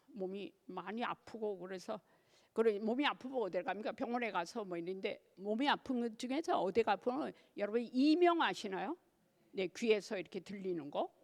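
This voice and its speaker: An older woman, a nun with a Gyeongsang Korean accent, giving a church lecture as lively storytelling that keeps asking the audience questions. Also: a little high, vocal fry. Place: church hall.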